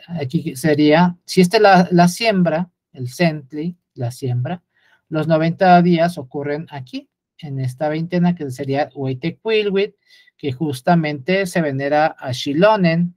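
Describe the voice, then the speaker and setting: A man's voice: a little high, darkish tone, no room sound, clean studio sound. A man gives an unscripted lecture, often hesitating with fillers and restarts while pointing things out on a chart.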